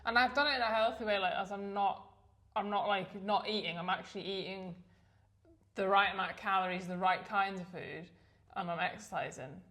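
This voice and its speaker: A woman's voice: medium pitch, steady tone, brisk, a bit bright. A woman in her thirties co-hosting a podcast, chatting casually, self-deprecating and laughing often. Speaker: podcast co-host. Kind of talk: casual chat.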